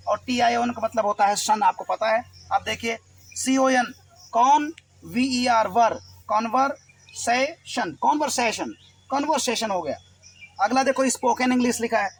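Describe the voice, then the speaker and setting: In a rough recording, a very high-voiced man from Uttar Pradesh, India, teaches English reading through a Hindi phonics lesson, patiently spelling each word out one letter at a time.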